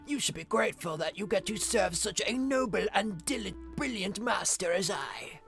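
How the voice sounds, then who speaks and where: A woman's voice: mid-range voice, lively intonation, moderate pace, vocal fry, a bit bright, soft background music, voice pushed up. A woman voicing a grumpy, pompous old male dragon, small and indignant, for a video game. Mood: haughty, demanding. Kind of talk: video game character voice-over read aloud.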